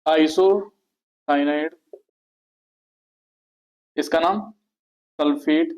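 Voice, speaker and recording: A man gives a board lecture on chemistry, his voice sitting a little high. He repeats every term and poses questions that he answers himself. He sounds like a teacher talking his students through a slide. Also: very slow, darkish tone, dull audio.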